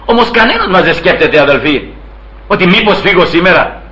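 A man with a high, bright voice preaching earnestly to his congregation. He calls them brothers again and again and lifts his voice to act out the people he quotes. His tone is clear and forceful. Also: expressive, lo-fi sound. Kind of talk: sermon.

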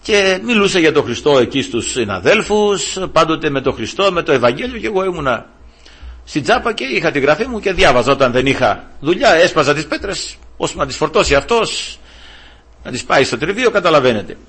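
A middle-aged or older man preaching a sermon to the brethren, telling a personal story and acting out quoted voices with sudden jumps in pitch. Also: very animated, a bit bright, slightly rough.

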